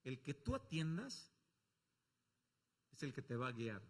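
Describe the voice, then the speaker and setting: A man with a Mexican accent preaching a sermon as pastor, swinging from loud calls to low asides and acting out quoted voices. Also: sing-song, unhurried. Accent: Mexican Spanish. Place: church.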